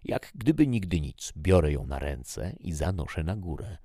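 A man narrating a first-person story in a measured, reflective way. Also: low-pitched, very animated, mellow, breathy edge, dry recording, studio quality.

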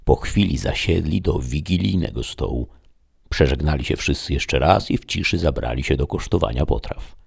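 A man reading a story aloud as an audiobook narrator, in a measured, dramatic way. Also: rumbling low, gravelly, darkish tone, breathy edge. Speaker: audiobook reader.

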